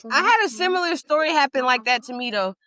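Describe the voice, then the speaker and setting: A podcast co-host tells a story during a casual chat, swearing a lot and acting out the people involved, quoting them with animation. Her voice is high-pitched and quick, captured in a dry, low-quality recording.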